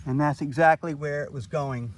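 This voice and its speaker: A man's voice: a little high, fairly even intonation, moderate pace. A man hosting a wildlife video outdoors, talking to the camera in an exclamatory, admiring, colloquial way. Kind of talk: outdoor vlog narration, talking to camera and animals. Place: outdoors by a rural road. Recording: clear outdoor background noise. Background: outdoor noise.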